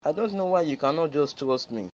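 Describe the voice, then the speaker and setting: A man's voice: a little high, animated, fairly quick, darkish tone, highs cut off, natural voice. A man with a Nigerian accent voicing an anxious young man arguing with his father in a cartoon.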